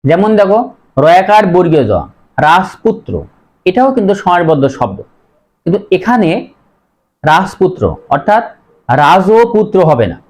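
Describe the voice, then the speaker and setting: A teacher with a somewhat high voice walks students through pronunciation rules. He spells each word out slowly, letter by letter, then repeats the whole word in a patient, deliberate way. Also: expressive, darkish tone.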